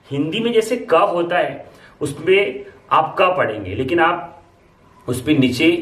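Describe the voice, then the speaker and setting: A man's voice: on the high side, distant mic. A man teaching the Arabic alphabet to beginners, explaining each letter patiently and step by step, with plenty of repetition. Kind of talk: beginner alphabet lesson at a board. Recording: roomy echo, speaker away from mic.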